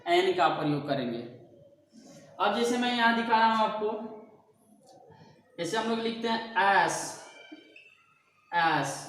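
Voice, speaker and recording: A man's voice: sits high, fairly bright tone. A man with a Hindi accent teaching an English grammar lesson in a classroom, asking the class questions and answering them himself. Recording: echoey room, distant mic, faint hiss.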